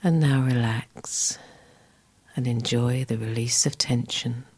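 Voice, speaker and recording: A woman guiding a scripted relaxation exercise in a soft, soothing, breathy, near-whispered voice. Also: very deep voice, steady tone, takes it slowly. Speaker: relaxation guide.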